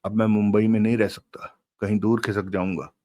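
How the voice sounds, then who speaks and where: A man's voice: fairly low pitch, little pitch movement, fairly quick, darkish tone, close to an everyday voice. A man doing a smug ruthless gang boss. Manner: smug, assured.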